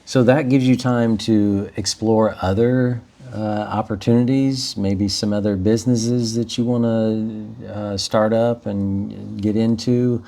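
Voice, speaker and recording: A man with a low, mellow voice talks through practical tips as a rental host. His delivery is easygoing and explanatory, like a casual chat with viewers. The tone stays relaxed and unhurried. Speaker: short-term rental host.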